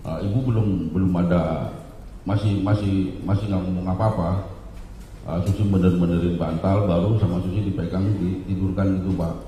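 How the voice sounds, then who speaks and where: A man giving witness testimony at a trial, recounting events haltingly with many fillers and restarts. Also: deep voice, steady tone, mellow. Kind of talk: courtroom testimony. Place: large courtroom. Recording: echoey courtroom broadcast, muffled, faint hiss.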